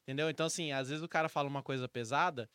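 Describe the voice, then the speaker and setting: A man's voice: on the high side, very fast, clean tone, no echo, studio quality. A man, a stand-up comedian and comedy club owner, telling stories in a casual podcast chat and acting out quotes. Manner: animated storytelling with acted quotes, frequent restarts.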